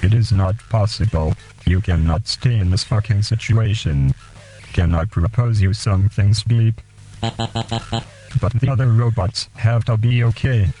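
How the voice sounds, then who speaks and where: A man hosting a radio show, speaking in slow, deliberate, halting phrases and reading poems aloud. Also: lowish voice, fairly even intonation, mellow, faint music behind, rough recording. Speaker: radio host.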